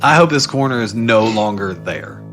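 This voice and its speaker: Co-host, man, bright tone, blunt and crude, faint music under. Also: on the low side, expressive, normal speed. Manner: blunt, profane wisecracks. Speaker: podcast co-host. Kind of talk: casual true crime podcast chat.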